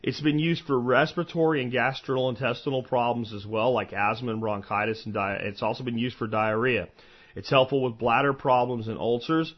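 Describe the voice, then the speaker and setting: A man's voice: medium pitch, steady tone, moderate pace. American man podcasting, dull lo-fi sound. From eastern United States, Florida and Pennsylvania. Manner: conversational, rambling with personal anecdotes and asides. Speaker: podcast host. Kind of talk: informal solo podcast talk on medicinal plants.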